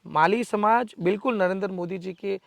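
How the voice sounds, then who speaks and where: A man giving forceful, defiant answers in an interview as a local political figure, with emphatic rhetorical speech. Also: high voice, normal speed, vocal fry, no echo.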